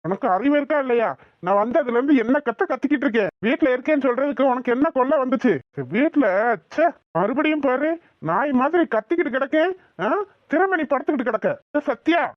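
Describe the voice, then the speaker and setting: A woman voicing a short-tempered young man in a cartoon, yelling and scolding everyone around him. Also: high voice, quick pace, no echo, natural voice. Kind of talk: cartoon voice acting. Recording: dull dry studio recording.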